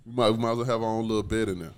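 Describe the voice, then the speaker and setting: A man's voice: on the low side, steady tone, very fast, clear, resonant tone. A man co-hosting a podcast, telling stories in a loose, casual way and laughing often. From South Florida. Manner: laid-back storyteller, laughs often. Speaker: podcast co-host. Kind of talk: casual chat.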